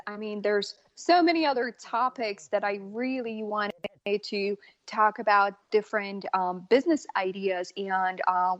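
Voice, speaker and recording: A woman in her forties, born in Bosnia and raised in Germany, speaking as an as a makeup artist guest on an interview podcast, unhurried and earnest. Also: medium pitch, fairly bright tone, no room sound, dull audio. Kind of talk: casual interview talk.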